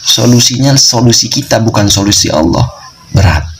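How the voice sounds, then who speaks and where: A man tells a religious testimony in a preaching manner, repeating short phrases for emphasis. He speaks to his listeners as friends. His voice is low, and a faint hiss sits behind it. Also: lively intonation, normal speed, poor audio. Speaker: religious storyteller.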